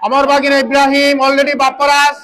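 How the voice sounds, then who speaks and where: A man's voice: very high voice, completely flat delivery, fairly quick, bright, forceful tone, a little hiss or hum. A man with a Bangladeshi accent giving live commentary and announcements at a local football match, often repeating his phrases. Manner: repeats phrases as he calls play. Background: crowd at a local football match.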